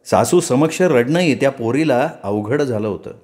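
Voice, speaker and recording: Brief: middle-aged male narrator, measured and expressive, mid-pitched storytelling. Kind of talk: Marathi story reading.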